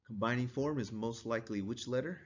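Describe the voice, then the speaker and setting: A man's voice: mid-range voice, a little fast. A male instructor giving a casual classroom lecture, quizzing students and chuckling now and then. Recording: dull lo-fi recording.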